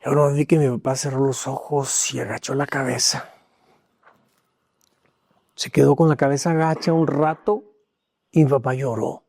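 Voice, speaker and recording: A man preaching a sermon as pastor, telling a personal story with emotion, dropping to hushed tones and rising again. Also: medium pitch, little pitch movement, normal speed, long pauses, no echo, studio quality. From Mexico. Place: church.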